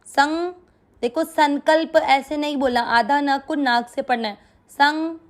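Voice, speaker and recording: A woman's voice: sits high, fairly even intonation, slow pace. A woman teaching Sanskrit verse pronunciation, breaking words into syllables and repeating them patiently.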